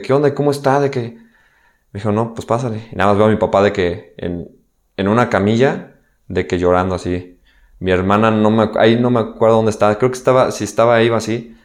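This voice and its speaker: Young Mexican man, lowish voice. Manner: candid, slangy, acts out quoted dialogue. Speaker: guest. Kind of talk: casual personal storytelling.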